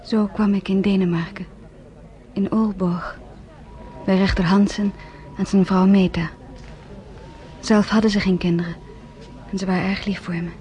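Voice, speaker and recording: Acting in a radio play, a woman portrays an earnest teenage girl who hesitates and trips over her words, mixing narration with performance. Her mid-range voice is warm and natural, level in tone, at normal speed but with long pauses.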